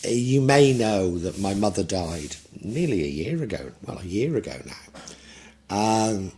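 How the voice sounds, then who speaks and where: A man's voice: lowish voice, sing-song, measured pace, mellow. A man in his sixties giving a tarot reading in a reflective, rambling way with frequent restarts. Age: 60s. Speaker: tarot reader.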